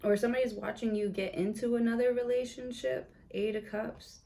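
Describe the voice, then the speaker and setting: A woman's voice: on the high side, fairly even intonation, a little fast, creaky, warm tone. A woman giving a casual tarot reading, blunt and chatty with plenty of swearing, in a room with a window open. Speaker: tarot reader.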